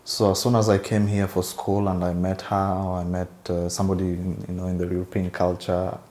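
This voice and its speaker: A man from Kenya gives slow, considered answers in a podcast chat. His voice sits low. The room is echoey. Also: little pitch movement, a little mellow. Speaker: podcast co-host.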